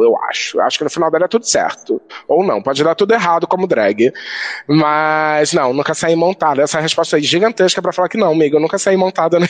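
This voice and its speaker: A man's voice: a little high, big-room sound. A man, a drag queen guest telling stories animatedly in a casual podcast chat, swearing and mimicking his relatives. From Rio de Janeiro, Brazil. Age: 30s. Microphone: remote recording.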